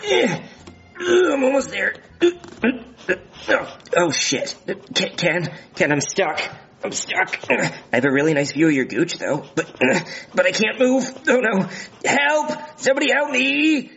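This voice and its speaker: A man voicing a whiny, excitable young boy who pleads and stammers. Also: sits high, measured pace, muffled recording, slight background noise, exaggerated voice. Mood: frantic.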